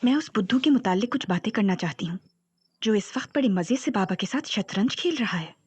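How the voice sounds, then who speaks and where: A woman's voice: mid-range voice, animated, brisk, a little mellow, slightly rough, dry recording, highs cut off. A woman playing a bossy young noblewoman. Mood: irritated. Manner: commanding, curt. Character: proud, bossy young woman, chieftain's granddaughter.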